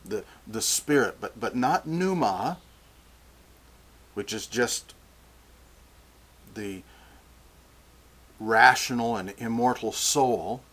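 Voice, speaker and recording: An older man preaching a sermon, slow and deliberate, often restarting his phrases. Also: medium pitch, lively intonation, a bit bright.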